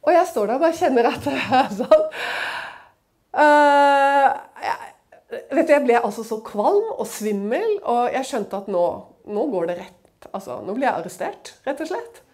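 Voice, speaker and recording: A woman's voice: high-pitched, very animated, a little mellow. A woman speaking at a church, telling a personal testimony as a dramatic, chatty story full of conversational fillers.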